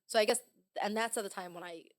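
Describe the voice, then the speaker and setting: A woman, a podcast guest who tells anecdotes in a lively way and often laughs. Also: medium pitch, quick pace, no echo, studio quality. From England. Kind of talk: casual podcast interview.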